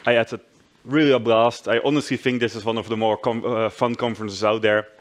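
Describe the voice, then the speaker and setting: This conference speaker has a lowish, steady voice and talks briskly. A man in his thirties from the Netherlands with a Dutch accent, he gives a genial, self-deprecating tech talk on a large conference hall stage, restarting himself often.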